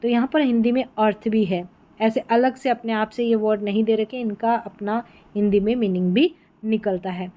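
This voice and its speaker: Woman w teaching spelling, patient, says words twice, bit high pitched. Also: fairly even intonation, moderate pace, lo-fi sound. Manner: explains patiently, repeats words for clarity. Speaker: English teacher. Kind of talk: Hindi-language spelling lesson.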